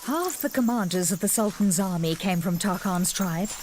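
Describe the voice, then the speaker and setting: A woman's voice: medium pitch, expressive, normal speed, a little mellow, slight background noise, close to an everyday voice. A woman voicing a worried royal mother. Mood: pleading. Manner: pleading, earnest. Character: anxious royal mother pleading with her son. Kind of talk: English dub of a historical drama.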